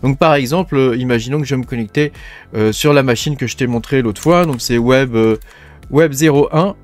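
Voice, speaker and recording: Chatty man explaining software casually. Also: medium pitch, fairly quick. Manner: chatty, informal, frequent "hein" and "tu vois" fillers. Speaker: tech tutorial host. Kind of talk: casual screen-share tutorial.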